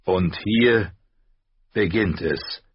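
A man voicing a grave, loyal knight commander who speaks slowly and solemnly. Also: sits low, dull audio, a little hiss or hum.

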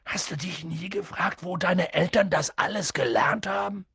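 A man reading an audiobook and voicing a huge, hot-tempered but kind male giant who swings between hushed whispers and booming shouts. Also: normal speed, creaky, slightly rough, no room sound, clean studio sound, exaggerated voice. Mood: indignant.

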